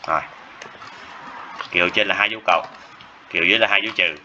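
A man teaches a math lesson in a low-pitched, fast, bright and forceful voice, repeating phrases and often checking that students follow. The classroom lecture is a dull lo-fi recording with faint noise.

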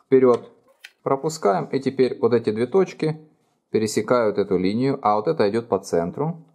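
A middle-aged man calmly explaining each fold in a step-by-step origami tutorial, recorded indoors at a table. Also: mid-range voice, normal speed, gravelly. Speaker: origami instructor. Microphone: overhead camera framing hands only.

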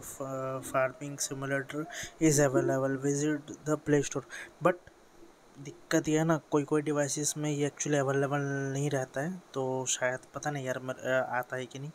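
In his bedroom with a fan going, an Indian teenage boy narrates a mobile game tutorial for a casual screen recording. His voice is a little high, there's slight background noise, and he wanders along with plenty of fillers and corrections of himself.

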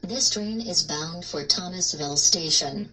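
A woman's voice: lowish voice, measured pace, bright, forceful tone, far from the mic, rough recording. A woman reading scripted public-address announcements for a transit line, in the manner of an airport announcement.

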